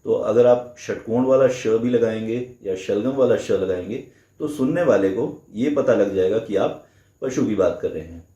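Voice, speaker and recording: A man teaching a language lesson, explaining slowly and carefully, saying sounds aloud to demonstrate them. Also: on the low side, warm tone, reverberant, muffled recording.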